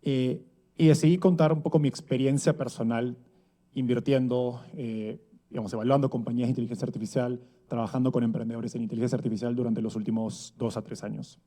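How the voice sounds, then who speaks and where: A man's voice: medium pitch, steady tone, fairly quick, mellow. A man, giving a conversational talk at an event with many fillers and rhetorical tags. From Peru. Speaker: speaker giving a conference talk. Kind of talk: conference talk. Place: event stage before an audience.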